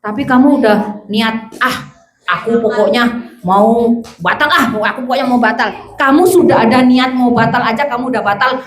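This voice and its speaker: Lively high-voiced woman teaching in a hall. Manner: lively, calls out to hush and question pupils. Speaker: religious teacher at a school Ramadan camp. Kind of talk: classroom lesson to children. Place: school hall with children. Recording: echoey hall with background noise.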